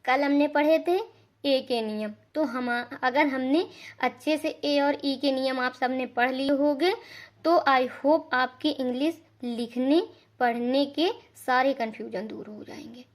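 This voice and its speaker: Slow, patient high-voiced woman teacher. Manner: patient, repeats each rule and spells out examples. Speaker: English pronunciation teacher. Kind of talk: slow classroom-style explanation.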